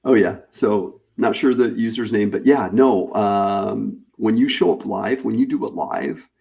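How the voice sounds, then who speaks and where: A man hosting a live webinar, pitching a paid challenge in a casual, chatty way, repeating and restarting phrases as he goes. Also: unhurried, gravelly, warm tone. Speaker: webinar host.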